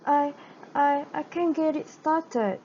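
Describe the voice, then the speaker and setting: Gretel, a high-voiced young girl, read by a woman. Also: takes it slowly, highs cut off, slight background noise. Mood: nervous. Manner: stammering, high and excited. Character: frightened then triumphant young girl Gretel.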